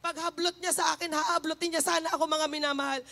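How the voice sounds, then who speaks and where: A woman's voice: extremely high pitch, level tone, fast, vocal fry, sharp tone. A woman giving an emotional church testimony to a congregation, fervent and often repeating a phrase of endearment to the listeners.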